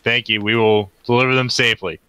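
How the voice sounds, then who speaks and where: Bright, clear-voiced male gamer. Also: medium pitch, fairly even intonation, fairly quick. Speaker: player in a tabletop roleplaying game. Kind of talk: casual in-character roleplay.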